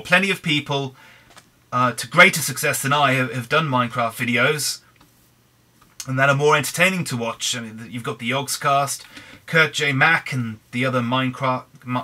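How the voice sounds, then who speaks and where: A young British man with a hoarse, croaky throat, chatting in a rambling way over a Minecraft let's play. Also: medium pitch, moderate pace, bright, forceful tone. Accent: British English. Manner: rambling, chatty, frequent restarts. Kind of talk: casual gameplay commentary.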